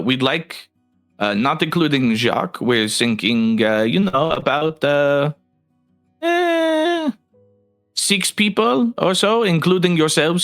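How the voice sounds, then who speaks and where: A man voicing a fussy, warm guild leader who rambles with many hesitations and folksy turns of phrase. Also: medium pitch, voice pushed up. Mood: businesslike.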